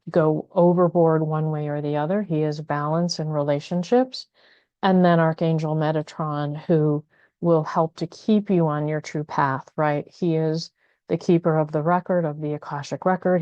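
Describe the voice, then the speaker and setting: A woman's voice: deep voice, warm tone, clear, resonant tone, no echo, lo-fi sound. A woman hosting an astrology video, talking casually and thoughtfully with many fillers and restarts. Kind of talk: casual spoken astrology guidance.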